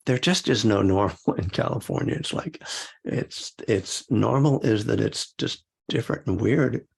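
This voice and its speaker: Older male meditation teacher, very husky and gravelly, loose rambling talk with chuckles. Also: on the low side, animated, unhurried. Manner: rambling, chuckling often, many fillers. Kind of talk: casual dharma talk.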